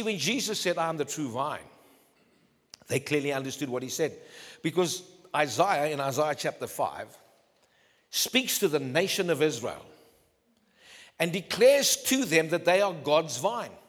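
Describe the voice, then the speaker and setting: Guy preaching a sermon, loud then hushed, big echoey church hall. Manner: emphatic, swings from loud declarations to low intense tones. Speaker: pastor. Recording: long hall reverb.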